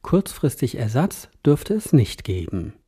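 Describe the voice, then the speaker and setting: A man reading news in an even, matter-of-fact way. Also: mid-range voice, unhurried, breathy edge. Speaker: news reader.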